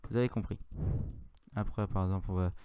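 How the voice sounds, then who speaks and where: A man's voice: low-pitched, fairly even intonation, fairly quick, background noise. A man with a French accent giving a casual, rambling game tutorial, correcting himself and chatting in asides. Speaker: Minecraft tutorial youtuber. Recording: audible mouse and keyboard clicks.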